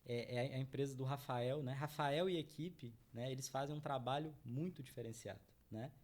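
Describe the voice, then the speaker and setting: A man's voice: mid-range voice, moderate pace, a little mellow. A middle-aged man from Minas Gerais, a chocolate brand founder, explaining his business in an interview with earnest repeated checks of "right?". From Minas Gerais, Brazil. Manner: earnest, repeats "né?" often, addresses audience.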